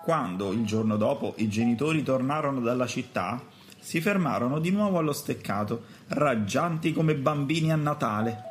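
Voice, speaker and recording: Male children's story narrator, steady calm delivery, soft background music. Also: mid-range voice, moderate pace.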